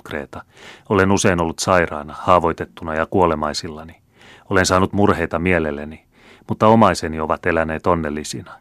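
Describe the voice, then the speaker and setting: A man's voice: low-pitched, a bit bright, no room sound, clean studio sound. A man reading the lines of a remorseful noble count in an audiobook, in an earnest, heartfelt way. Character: noble middle-aged male count, remorseful.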